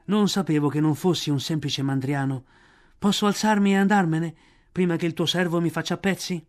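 A man's voice: on the high side, brisk, lightly acted. A man voicing a frightened, humbled old herdsman in an audiobook.

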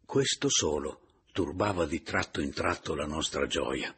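A man reading a novel aloud in a measured, reflective way. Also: extremely low pitch, fairly bright tone, husky. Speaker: narrator.

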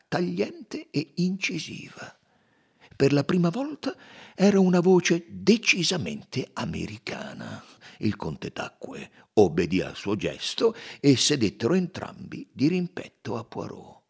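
Man, audiobook reader, dramatic narration, husky voice, lively pitch. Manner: dramatic, measured storytelling. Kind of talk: expressive literary narration.

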